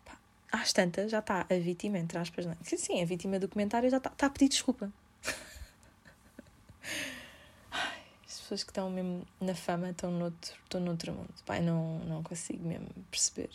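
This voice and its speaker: A woman's voice: lowish voice, fast, long pauses, slight background noise. A woman in her twenties with a European Portuguese accent, hosting a podcast as a casual monologue full of slang and English words. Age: 20s. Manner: chatty and informal, heavy slang, English words mixed in. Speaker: podcast host.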